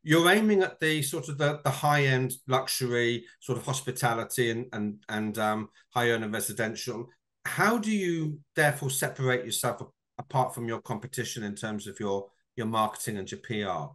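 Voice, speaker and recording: A man's voice: medium pitch, animated, normal speed, a bit bright. Middle-aged guy hosting a webcam business interview, stumbles over repeated words. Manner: friendly, repeats words when framing questions. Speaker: interview host. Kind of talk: business interview on a video call. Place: home room indoors. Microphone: webcam on a video call.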